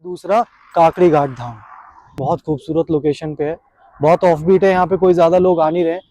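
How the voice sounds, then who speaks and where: A man's voice: a little high, fairly even intonation, brisk, muffled recording. A man talking casually to camera on a travel vlog, chatty and joking, telling stories while walking outdoors on mountain trails. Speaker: travel vlogger.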